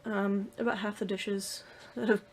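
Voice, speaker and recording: A woman's voice: medium pitch, flat delivery, measured pace, a little hiss or hum. A young woman talking casually to the camera in her room at home, rambling with lots of fillers and restarts. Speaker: vlogger. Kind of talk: casual vlog talk to camera.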